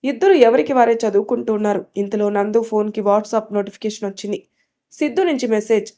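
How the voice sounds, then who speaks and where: Brief: woman narrator for a read-aloud love story, measured and mellow. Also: mid-range voice. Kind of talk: scripted narration.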